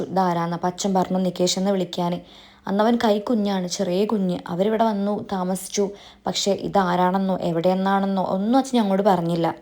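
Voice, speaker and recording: A woman's voice: mid-range voice, close to an everyday voice. Woman voicing a sorrowful brother recounting the past. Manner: sad, steady retelling. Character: man, brother recounting a painful family past.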